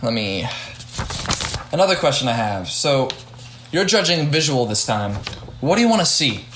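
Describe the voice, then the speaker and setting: A man's voice: mid-range voice, big pitch swings, echoey room, background noise. A young man hosting a casual podcast, chatting loosely as a judge with frequent restarts and hedges. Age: young adult. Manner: halting, hedging, many restarts.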